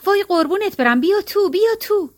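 Woman doing a gushing hostess, effusive, welcoming, high voice. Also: lively intonation. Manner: effusive, hospitable.

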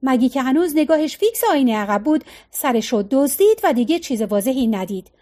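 High-voiced woman reading a novel. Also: very animated, dark tone. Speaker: narrator. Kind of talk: audiobook narration.

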